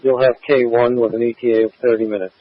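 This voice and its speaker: A male fire dispatcher reads out calls very quickly in a flat, procedural tone. His voice is husky and comes through a thin, phone-like radio channel. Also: mid-range voice. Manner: procedural, clipped. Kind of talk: radio dispatch, formal read-backs.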